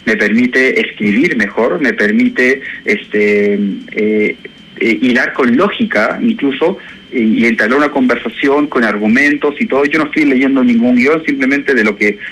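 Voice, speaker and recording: A man's voice: mid-range voice, moderate pace, fairly bright tone, rough recording. A man from Chile, an education professor speaking as a guest in a radio interview, thoughtful and hesitant, with many fillers. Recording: radio broadcast with faint noise.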